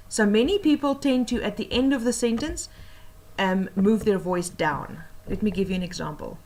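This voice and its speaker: A woman teacher explaining tips for oral reading assessments, patiently and with many pauses and fillers. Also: on the high side.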